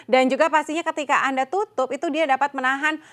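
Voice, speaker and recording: A woman's voice: high voice, steady tone, fast, fairly bright tone. A woman with an Indonesian accent co-hosting a home shopping show, gushing enthusiastically in infomercial sales chat.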